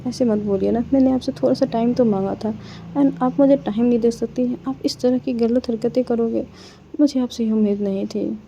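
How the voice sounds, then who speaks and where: A woman's voice: fairly high pitch, fairly even intonation, moderate pace, vocal fry, mellow, dull audio, slight background noise. A woman voicing a hurt, reproachful young woman. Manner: reproachful, questioning.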